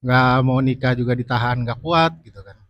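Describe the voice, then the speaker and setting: A man's voice: medium pitch, normal speed, lo-fi sound. A man from the audience asking a question, hesitant with many fillers.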